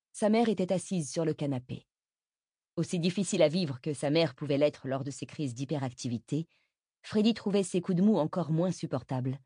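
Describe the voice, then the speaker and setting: A woman with a low, grounded voice narrates a novel in an even, measured way. The recording is dry and close to the mic. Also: breathy edge, no room sound. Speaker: audiobook narrator. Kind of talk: scripted narration.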